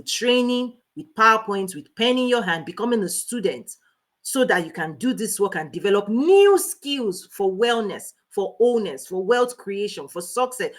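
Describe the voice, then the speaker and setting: A woman hosting a motivational livestream as a life coach, talking fast and emphatically, repeating key points and greeting viewers by name. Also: mid-range voice. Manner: speaking fast.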